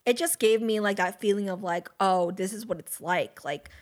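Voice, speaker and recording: A woman's voice: mid-range voice, moderate pace. Teasing woman in casual podcast chat. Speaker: podcast co-host.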